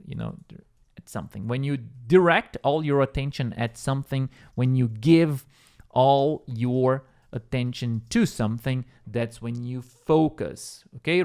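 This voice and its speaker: A man with a Brazilian Portuguese accent teaching English vocabulary, repeating words and checking in with the listener. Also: medium pitch. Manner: repetitive, checks in with "okay?" and "right?". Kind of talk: explaining vocabulary step by step.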